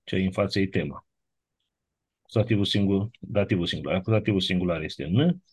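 A man's voice: sits low, a little mellow, breathy edge. A man teaching a class, going methodically through grammar rules and checking understanding with short tag questions. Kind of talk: classroom lecture reviewing grammar.

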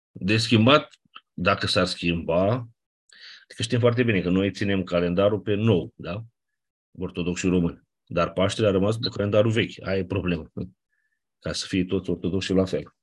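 A man's voice: sits low, breathy edge. A man teaching a class, reviewing grammar step by step and often checking in with his students. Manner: patient, checks in with "nu?" and "da?". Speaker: teacher of Ancient Greek.

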